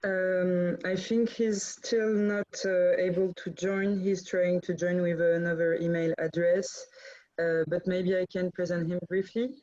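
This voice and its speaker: A woman who leads advocacy for an NGO, speaking on an online panel with a steady delivery and many uh fillers. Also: lowish voice, measured pace, no echo. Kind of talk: panel introduction. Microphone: video call. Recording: dry, dull video call audio.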